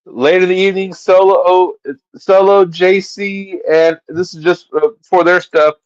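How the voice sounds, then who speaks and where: A man's voice: sits high, fairly even intonation, measured pace, no room sound, highs cut off. A man hosting a casual live-stream show, recapping wrestling events at length with stumbling restarts.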